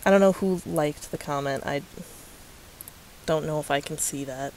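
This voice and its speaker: A woman's voice: low voice, normal speed, darkish tone, slight background noise, low-quality recording. Sarcastic, foul-mouthed woman ranting. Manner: sarcastic, profane, laughs between lines. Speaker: YouTuber responding to a commenter. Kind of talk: casual ranting vlog.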